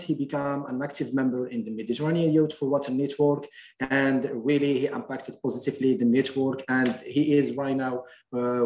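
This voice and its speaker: A man from Morocco moderating an online youth panel, talking haltingly with many restarts and fillers. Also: medium pitch, a little mellow, echoey room, low-quality recording. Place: video call.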